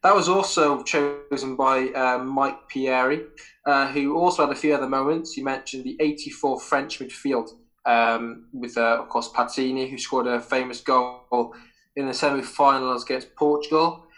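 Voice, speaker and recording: A Welshman hosts a football podcast, chatting casually and with enthusiasm as he rambles through detailed football memories. His medium-pitched voice is steady and a bit bright at a moderate pace, though the recording quality is low.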